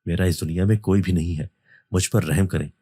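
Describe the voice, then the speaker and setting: A man's voice: low-pitched, mellow, slightly rough, dry recording, studio quality. A man voicing a frightened young maid who pleads for mercy. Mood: pleading.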